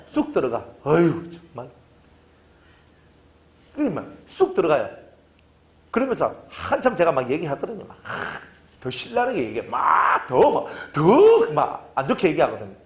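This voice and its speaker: A pastor giving a casual sermon, telling stories and acting out both sides of conversations. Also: male voice, fairly high pitch, moderate pace, long pauses. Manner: lively storytelling preacher, acts out dialogue.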